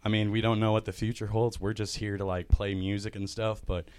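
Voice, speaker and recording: A man's voice: on the low side, little pitch movement, a little fast, a little mellow, smooth. A young man from Vermont, a band's vocalist, chatting casually as a guest with a slangy, filler-heavy, laid-back way of talking. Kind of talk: casual chat.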